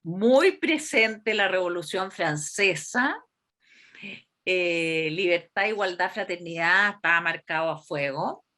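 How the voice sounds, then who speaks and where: A woman in her sixties with a Chilean Spanish accent speaks as an interview guest and constitutional delegate. Her voice is fairly low, animated, bright and forceful. She reflects at length in a slow, thoughtful, measured way.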